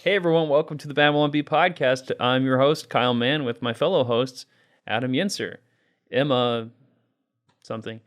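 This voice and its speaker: A man's voice: mid-range voice, moderate pace, fairly bright tone. A man in his thirties hosting a comedy podcast, joking around and reading promos. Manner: upbeat, joking, reads ad copy. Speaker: podcast host. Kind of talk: casual comedy podcast chat.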